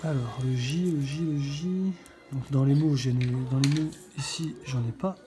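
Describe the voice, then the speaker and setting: A woman's voice: very deep voice, a little slow, over music. A middle-aged woman hosting a scratch-card video, chatting casually and thinking aloud as she checks each letter. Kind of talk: casual running commentary while scratching.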